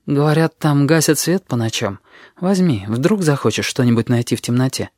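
A man voicing a shy, quiet teenage boy who speaks softly in an audiobook. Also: medium pitch, lively intonation, moderate pace, no room sound, studio quality, lightly acted. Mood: kind.

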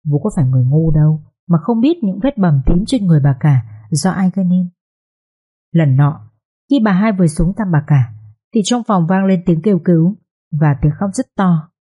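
A woman narrating an audio drama story in a steady, expressive storytelling manner. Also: on the low side, normal speed, breathy edge, phone-quality sound.

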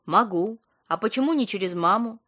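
A woman's voice: mid-range voice, animated, normal speed, fairly bright tone. A woman reading an audiobook, voicing a sleepy young female friend who teases in a sardonic, grumpy way. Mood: teasing.

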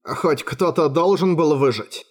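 A man's voice: on the high side, a little slow, breathy edge. A man doing a mild, weary sorcerer. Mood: grateful gentle. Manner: mild, cheerful and gentle. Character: weary, kindly male sorcerer, grateful.

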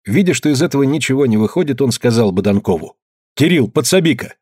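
Man, audiobook narration, animated pitch, dry close sound. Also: quick pace, dry recording. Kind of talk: scripted narration.

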